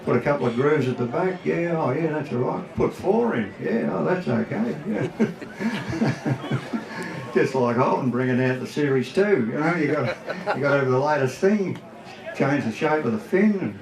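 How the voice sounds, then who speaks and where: An older Australian man reminisces in a plain-spoken, colloquial way. His voice has a gravelly creak, and it comes through roomy and distant from the microphone. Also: fairly high pitch, animated, normal speed, a crowd in the background. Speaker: guest speaker, veteran surfboard maker. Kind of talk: casual reminiscing before an event crowd. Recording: roomy echo, far from the mic.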